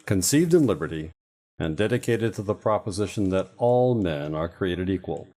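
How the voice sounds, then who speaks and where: A man reciting a famous speech slowly, his voice treated with a digital echo effect. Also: low voice, expressive, warm tone. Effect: digital echo added to the voice. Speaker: narrator of a demo recording. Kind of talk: reading a famous speech aloud.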